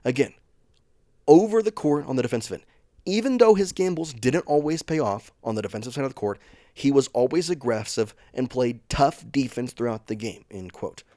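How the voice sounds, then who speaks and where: A man's voice: medium pitch, darkish tone, no room sound, clean studio sound. A man hosting a sports channel, talking through team news in a chatty, opinionated way that speeds up in bursts. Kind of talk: casual sports commentary vlog.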